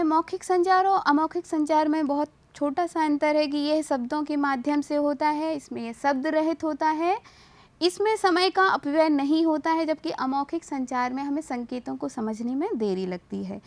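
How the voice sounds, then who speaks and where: A woman's voice: sits high, normal speed. A woman teacher gives a classroom lecture. She explains step by step, mixes in English terms and restarts her sentences as she goes.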